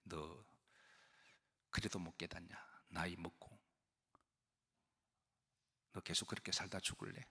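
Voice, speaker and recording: A fatherly divine voice, low and hushed, acted by a man preaching. He speaks softly and closely in a husky tone, and a long church reverb trails after each phrase. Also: fairly even intonation, measured pace, long pauses, exaggerated voice. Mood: scolding. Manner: quiet, half-whispered speech. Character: divine father, coaxing then scolding.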